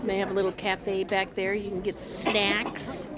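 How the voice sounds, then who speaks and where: A woman's voice: mid-range voice, monotone, unhurried, over a noisy crowd. A woman chatting casually as a vlogger, with a chirpy, exclaiming manner. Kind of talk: casual vlog chat. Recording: noisy handheld vlog with ambient sound. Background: clear background noise.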